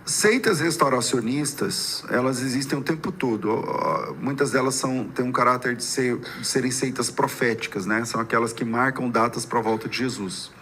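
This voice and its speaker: A man hosting a podcast debate as a pastor, laying out a topic in measured, halting questions. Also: mid-range voice, a bit bright, a little hiss or hum.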